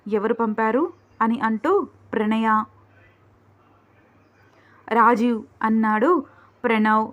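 A woman reading a romantic suspense story aloud in a steady, measured way. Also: a little high. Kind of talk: scripted story narration. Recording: dull lo-fi recording.

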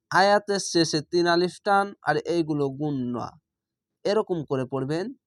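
A man teaching how to recite a short chapter, stretching each verse slowly and then explaining the pronunciation rules. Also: sits high, no echo, studio quality. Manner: slow drawn-out recitation alternating with plain explanation. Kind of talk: tajweed lesson for learners.

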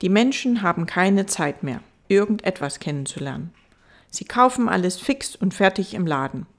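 A woman voicing a gentle, wise fox in an audiobook, earnest and patient as it explains. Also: mid-range voice, animated, moderate pace.

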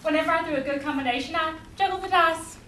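A woman's voice: very high-pitched, fast talker, pushed and bright. A young woman playing Life in an amateur stage play, proud, defiant and declamatory. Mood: confident. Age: young adult. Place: indoor theatre stage. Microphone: distant camera. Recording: echoey stage, distant camera mic, noisy.

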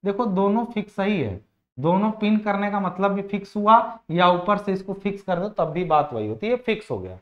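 A male lecturer with a high-sitting voice and lively intonation talks at normal speed through a conversational engineering lesson. Repeated phrases, questions to students, and English technical terms fill the dull lo-fi recording.

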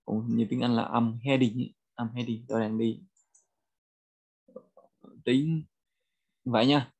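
Man, Vietnamese accent, language teacher, middle pitch, repeats phrases slowly. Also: fairly even intonation, darkish tone. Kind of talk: bilingual vocabulary lesson.

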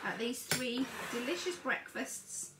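Slightly high with lively intonation, her voice moves slowly through heavy background noise. She's an older woman vlogging a breakfast recipe from her home kitchen, chatting and narrating each step as she works, with a camera across the counter catching echoes and clattering dishes.

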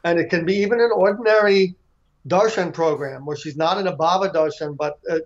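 Man, storytelling in conversation, slightly high pitch, relaxed and halting, dull recording. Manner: relaxed, frequent fillers and restarts. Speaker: author and devotee.

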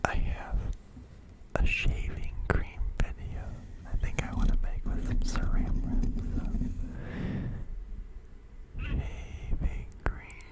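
A man in his twenties speaks in a hushed, breathy whisper for ASMR. His delivery is soothing and tentative, broken by pauses. The microphone sits inches from his mouth, so every breath feels close. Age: 20s. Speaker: ASMR video creator. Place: small dim bedroom, indoors.

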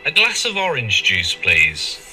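A man's voice: mid-range voice, huge pitch swings, slow, pushed and bright, soft background music, heavily acted. A man voicing a young male customer who politely orders lunch in a scripted textbook dialogue. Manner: polite and plain.

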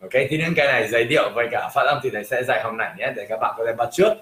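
A man teaching a livestream lesson, talking slowly and hesitantly with many fillers, switching between Vietnamese and English. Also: mid-range voice, a bit bright. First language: French. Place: livestream room. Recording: roomy livestream sound.

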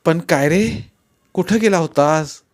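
A woman's voice: sits low, slow, pitched above the performer's own voice. A man reading a story aloud, voicing a practical village mother who nags and questions her son. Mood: questioning. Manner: nagging, questioning.

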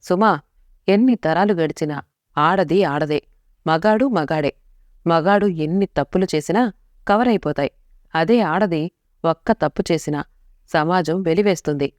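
A woman's voice: lowish voice, a little slow, long pauses, a little mellow, no echo, clean studio sound, natural voice. A woman voicing a teasing, possessive young man in a story, speaking in a mocking, curt way. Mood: lecturing.

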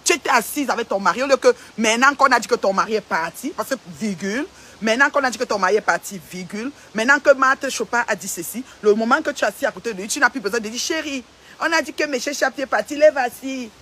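A woman from Cameroon, an online commentator, rants confrontationally on a livestream and repeats phrases for emphasis. Her voice is on the high side, fairly bright and slightly rough, and she talks fast.

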